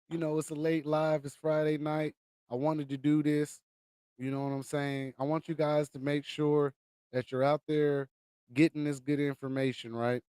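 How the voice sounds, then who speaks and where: A man's voice: a little high, darkish tone, smooth, dry recording, clean studio sound. An American man hosting a livestream, delivering an impassioned late-night conspiracy rant with indignant, emphatic repetition for punch. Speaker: livestream host.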